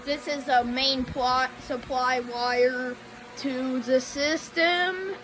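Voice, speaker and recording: High slow-talking helper casually explaining gear, bit of noise behind. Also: steady tone, sharp tone, low-quality recording. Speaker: assistant running the audio.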